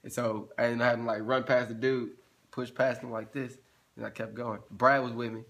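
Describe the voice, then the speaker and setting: Male vlog co-host, relaxed and casual, mid-pitched, teasing. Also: brisk, vocal fry. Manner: laid-back, teasing interjections. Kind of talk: casual storytelling.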